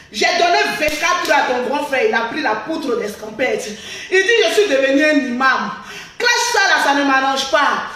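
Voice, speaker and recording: A woman blogger giving a boastful, taunting livestream rant, often laughing and shouting. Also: sits high. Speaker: social media blogger. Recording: very echoey, far from the mic.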